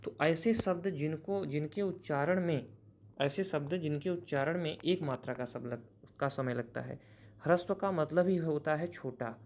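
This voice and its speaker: A man's voice: fairly high pitch, a little mellow. Patient male Hindi grammar teacher. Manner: explains patiently, repeating and restating terms; self-corrects mid-sentence. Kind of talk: classroom-style grammar lesson.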